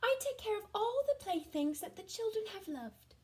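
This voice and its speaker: A woman voicing a kindly female magic fairy from a children's storybook, gentle and reassuring. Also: extremely high pitch, very animated, normal speed, voice pushed up.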